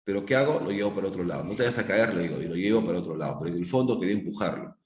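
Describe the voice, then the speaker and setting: A man's voice: deep voice, animated, rapid-fire, darkish tone. A middle-aged Peruvian man teaching a psychology class, explaining with everyday examples and often checking whether the students follow. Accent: Peruvian Spanish. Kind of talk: live online class lecture. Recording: echoey room.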